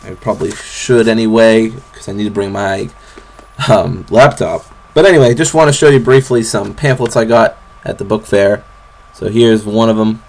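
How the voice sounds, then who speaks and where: A young man talks into his camera's built-in mic while sitting on a bed, drifting from topic to topic. His voice sits low and gravelly, and it is full of ums, restarts and apologies. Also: moderate pace, darkish tone. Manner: rambling, apologetic, with many fillers and restarts. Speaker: vlogger. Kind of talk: rambling casual vlog.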